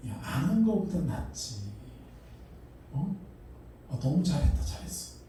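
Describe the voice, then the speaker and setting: Gentle fatherly God, soothing and warm-toned, mellow voice, a man puts him on, echoey room. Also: on the high side, sing-song, a little slow, slight background noise. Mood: reassuring. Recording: echoey hall, mic far off.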